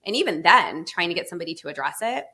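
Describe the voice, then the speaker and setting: A woman on a podcast, speaking as a pediatric therapist in a casual conversation. Her voice sits on the low side with a bright, forceful edge. She talks with passion and heavy emphasis. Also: big pitch swings, fast talker. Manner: passionate and emphatic, explaining at length. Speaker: guest, pediatric feeding and myofunctional therapist.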